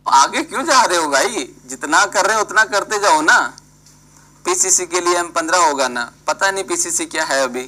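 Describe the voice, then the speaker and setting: A man's voice: high-pitched, animated, moderate pace, pushed and bright, rough recording. A man teaching an engineering class online, prodding and scolding students by name and mixing English terms into his talk.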